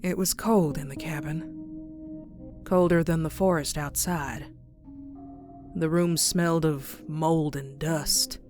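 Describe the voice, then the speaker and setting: Low-pitched and animated, a woman voices a frightened pony telling a horror tale for a comic dub, with music playing behind her. The mood is hushed dread, delivered slowly and suspensefully, sinking into breathy whispers.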